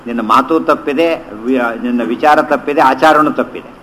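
A man teaching a scripture commentary, chanting verses slowly and then explaining them conversationally with rhetorical questions. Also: medium pitch, steady tone, a bit bright, a little hiss or hum, rough recording.

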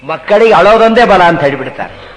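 A man giving a devotional sermon on scripture, chanting verses slowly and asking his listeners questions. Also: high-pitched, animated. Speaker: religious discourse speaker. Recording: long reverb of a large hall.

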